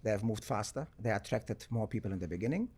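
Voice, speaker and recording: A man's voice: lowish voice, fast, husky. A man from Germany, a podcast guest telling stories in a casual interview, often tagging his sentences with "right?". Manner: relaxed storytelling, peppered with "right?" and "you know". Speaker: podcast guest, sports entrepreneur.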